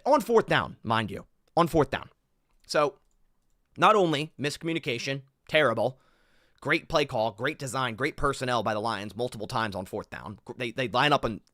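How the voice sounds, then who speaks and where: A man commenting over football game film in an animated, exasperated way, thinking aloud as he goes. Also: medium pitch, normal speed, no room sound, clean studio sound.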